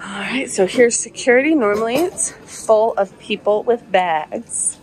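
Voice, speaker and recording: On a ship deck and at a port terminal, an American woman in her thirties vlogs casually to a phone camera at arm's length, chatting and walking through each step. Her voice is on the high side and unhurried, and the recording quality is low.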